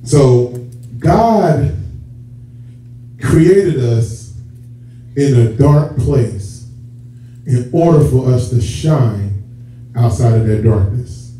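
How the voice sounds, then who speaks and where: A man preaching as a church elder uses a mellow, medium-pitched, expressive voice, drawing out words and pausing often as he talks conversationally to the congregation. He stretches key words for emphasis. The church sanctuary has a stage and rows of seats, and a distant camera at the back yields echoey, muffled, noisy sound.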